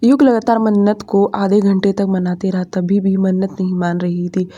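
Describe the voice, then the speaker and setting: A woman reading her own romance story aloud in an unhurried, even way, voicing the dialogue as she goes. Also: mid-range voice, highs cut off.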